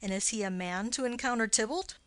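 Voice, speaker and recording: A woman's voice: fairly high pitch, a little fast, fairly bright tone, no echo, natural voice. A woman reading a teasing, witty young nobleman. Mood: mocking. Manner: wordplay-heavy, teasing and theatrical. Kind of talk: audiobook play reading.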